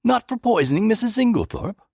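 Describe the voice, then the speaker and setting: A man reading an excitable young English gentleman from a storybook, eager and quick to indignation. His lines rise with lively swings of pitch over a gravelly, husky tone. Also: dry recording, studio quality, full character voice. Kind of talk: audiobook character voice.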